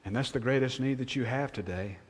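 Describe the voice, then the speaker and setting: A man preaching a sermon, swinging from hushed, drawn-out phrases to loud, emphatic appeals. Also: mid-range voice, husky, big-room sound.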